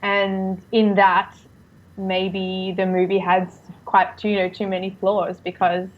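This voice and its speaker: A woman's voice: mid-range voice, monotone, slow pace, muffled recording. An Australian woman, a movie reviewer guesting on a podcast, speaking candidly in casual chat.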